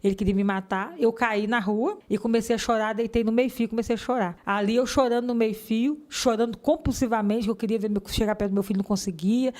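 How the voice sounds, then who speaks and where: A woman with a Brazilian Portuguese accent giving a fervent, heartfelt religious testimony in an interview, her pace swinging between rushed and slow. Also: on the high side, steady tone, a little mellow.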